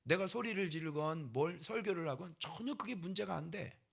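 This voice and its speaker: A pastor preaching a sermon, emphatic and scolding, often checking that the congregation agrees. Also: male voice, high-pitched, animated, moderate pace, gravelly, slightly rough.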